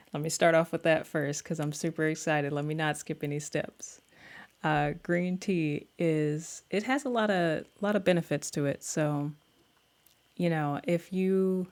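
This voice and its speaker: A woman's voice: deep voice, darkish tone. A woman hosting a casual vlog, chatting directly to her viewers in an upbeat way and reading out her own poem. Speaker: vlog host.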